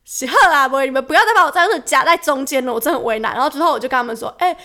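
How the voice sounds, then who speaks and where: A young woman, co-hosting a casual podcast chat and telling stories in an animated way with frequent laughs. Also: high voice, racing. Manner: animated storytelling, laughs often. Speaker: podcast co-host.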